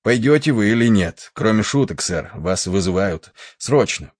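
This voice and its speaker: A man putting on a rough, defiant stoker. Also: on the low side, expressive, normal speed, dry recording, clean studio sound. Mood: angry. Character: big coarse angry male ship's stoker.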